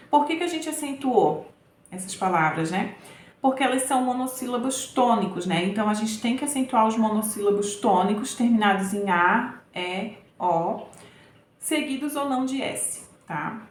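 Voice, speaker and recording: A woman's voice: medium pitch, slight background noise. Patient woman teacher in an echoey room. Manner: patient, checks in often with "né?" and "tá?". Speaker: Portuguese teacher. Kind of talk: explaining grammar exercises.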